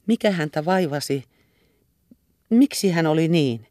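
A woman's voice: low-pitched, expressive, mellow, no echo, clean studio sound. A woman reader voicing an anxious young woman who pleads tenderly and earnestly. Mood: pleading. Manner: earnest and imploring.

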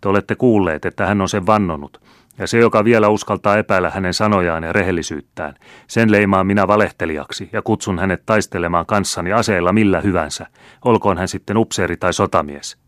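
A fiery, proud young count, a beardless youth with a ringing yet slender voice, as an audiobook narrator puts him on. He speaks impassioned and rallying, raised and louder than the narration, in a dry, close sound. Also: sits low, dry recording, lightly acted. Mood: indignant. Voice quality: ringing but still slender voice.

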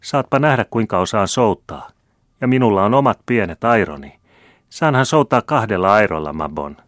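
A man reading an audiobook, voicing a lively young child with eager exclamations. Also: on the low side, no room sound, clean studio sound, voice pushed up.

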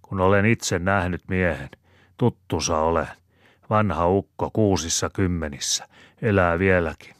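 A man's voice: low voice, dry recording, clean studio sound, natural voice. A man doing a sly, chuckling rustic storyteller. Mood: yarn-spinning. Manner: chuckling, folksy yarn-spinning. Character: bawdy old rustic male storyteller, sly.

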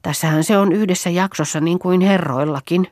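A woman reading the part of a lively, knowing farm girl in an audiobook. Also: lowish voice, dry recording, clean studio sound, pitched above the performer's own voice, lightly acted. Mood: chatty. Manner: lively, knowing, proverb-quoting.

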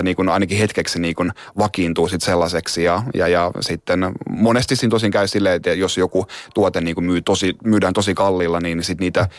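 A man's voice: low voice, dry recording, studio quality. A middle-aged man, a game collector, talking in a casual conversation with many fillers and restarts.

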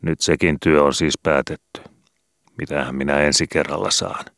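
Give me a languid young detective read by a man, drawling and very deep. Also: steady tone, gravelly, a bit bright, no room sound, studio quality, full character voice.

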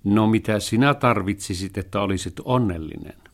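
A man's voice: fairly low pitch, lively intonation, gravelly. A man voicing a cheerful, earnest young boy in a storybook reading. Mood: friendly.

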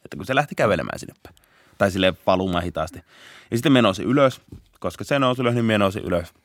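A young man, a police officer, telling a story in a casual podcast interview, laughing often and shouting out bursts of the chase. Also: fairly low pitch, animated, no room sound. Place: podcast studio.

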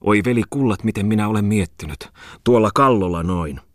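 A man's voice: lowish voice, dry recording, studio quality, pitched above the performer's own voice, natural voice. Man doing a whiny tipsy idealist ranting. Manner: whiny, pleading, rhetorical outbursts. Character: tipsy, whining idealist man, emotional ranter.

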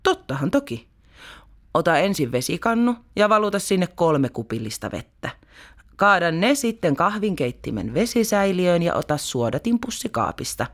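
A woman reading a storybook, voicing a busy working mother who gives calm, patient, practical instructions. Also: fairly low pitch.

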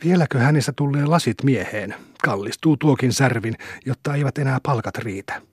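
A man's voice: mid-range voice, slightly rough, dry recording, studio quality, lightly acted. A man voicing a worried old rural police chief who talks in a fretful, bewildered way, in an audiobook reading.

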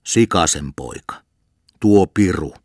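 A man voicing a pompous, hot-tempered village sexton who preaches haltingly and shouts in fury, in a storybook reading. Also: low-pitched, expressive, dry recording, clean studio sound. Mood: furious. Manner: preachy, halting sermon delivery turning to furious shouting.

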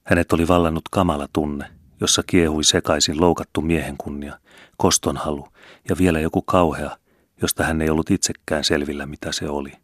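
Extremely deep-voiced male audiobook reader. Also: fairly even intonation, no echo, clean studio sound. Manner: measured, earnest storytelling. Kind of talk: scripted narration of a classic novel.

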